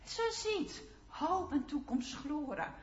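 A woman's voice: sits high, big pitch swings, slow, heavily acted. A woman preacher voicing Ruth, a young widow, telling her own story in first person during a first-person sermon monologue. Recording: roomy, slightly dull sound.

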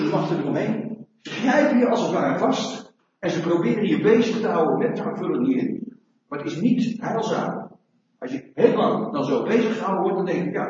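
A middle-aged man preaching a sermon, lively and asking rhetorical questions of his congregation, recorded from afar in a church hall. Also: fairly high pitch, slight background noise. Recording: echoey hall, mic far off, dull sound.

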